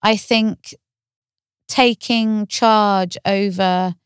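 A woman therapist talks through feelings on a podcast in a calm, reflective way. Her voice is exceptionally smooth and clear, recorded close and dry with no room sound. She often works through ideas by asking gentle questions. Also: medium pitch, extremely slow, no room sound. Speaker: therapist, co-host. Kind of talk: podcast conversation.

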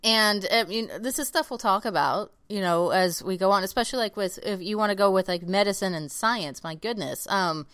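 A woman with a smooth, resonant voice co-hosting a podcast in casual chat. She speaks frankly and emphatically, with casual swearing. The sound is dry and close, with no room echo. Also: medium pitch, a little fast, hardly any pauses, a bit bright. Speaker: podcast co-host.

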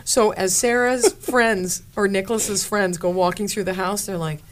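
A middle-aged woman co-hosting a casual paranormal chat, animated and acting out quotes in lively voices. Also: medium pitch, moderate pace. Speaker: podcast co-host.

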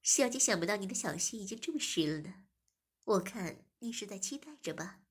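A smug shop owner, voiced by a woman reading an audio story teases in a breathy, airy voice. The tone is smirking and mocking, close to the reader's everyday voice. Each remark is delivered with a sly, knowing edge. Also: medium pitch, lively intonation, brisk. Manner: teasing, smirking.

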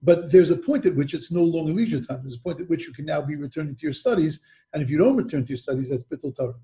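A man's voice: fairly high pitch, rapid-fire, mellow. A man teaching a Mishnah lesson, asking rhetorical questions and often restarting his sentences. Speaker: Torah teacher.

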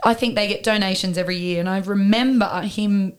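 A woman's voice: mid-range voice, fairly even intonation, a little fast, smooth. An Australian woman from Newcastle, a podcast guest chatting casually and gushing about people she admires. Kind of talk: casual chat.

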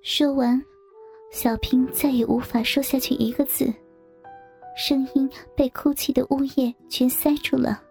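Woman, high mellow voice, hushed half-whispered narration, soft music behind. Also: steady tone, measured pace, creaky. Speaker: storyteller. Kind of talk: scripted narration of an erotic story. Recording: faint background music.

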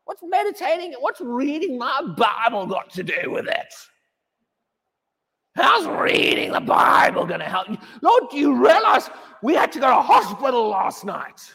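A man doing a panicked churchgoer, voice pitched high and strained as he pleads and cries out to God for help. The words ring out with a long reverb from the church hall around him. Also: bright, forceful tone, slightly rough, exaggerated voice.

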